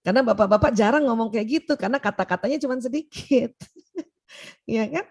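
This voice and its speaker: A middle-aged woman with a slightly high voice gives an informal health talk to an audience of mothers. She talks in a chatty, friendly way, keeps tagging her sentences with "ya", and speaks to her listeners directly. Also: a little fast, a little mellow, slightly rough. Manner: chatty, addresses the audience as "Bu", often adds "ya".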